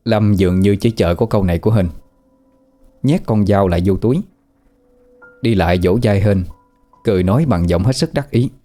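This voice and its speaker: A man narrating a ghost story in a steady, sorrowful manner. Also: lowish voice, moderate pace, pauses often, faint music behind.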